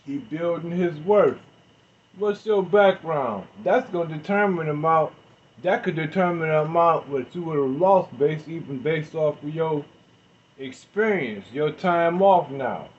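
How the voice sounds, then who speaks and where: A man's voice: fairly high pitch, measured pace. A man giving skeptical reaction commentary in a suspicious, insinuating conspiracy-theorist manner. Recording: dull lo-fi audio.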